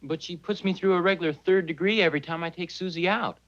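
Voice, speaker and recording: A man's voice: sits high, fast, fairly bright tone. An actor playing an earnest, polite young college man in a 1950s sitcom, easily flustered by his family. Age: young adult. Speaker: son. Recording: dull lo-fi 1950s TV soundtrack.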